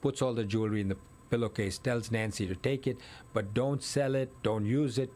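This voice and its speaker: A man with a medium-pitched, slightly mellow voice speaks fairly quickly in a steady tone. A guest in a relaxed conversation, he goes through a murder case in detail, correcting himself and using fillers.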